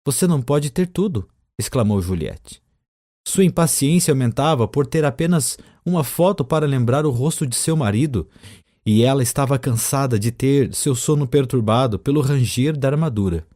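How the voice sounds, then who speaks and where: A man narrating an audiobook in a calm, measured storytelling manner. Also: mid-range voice, no echo, studio quality. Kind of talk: scripted narration.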